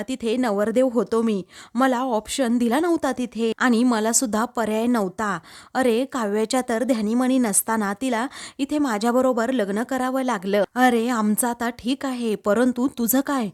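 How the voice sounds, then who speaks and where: A woman's voice: a little high, fairly even intonation, moderate pace, hardly any pauses, a little mellow, natural voice. A woman reading the lines of an elder brother who defends himself, hurt and angry. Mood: hurt, defensive. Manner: pleading then angry, repeated questions.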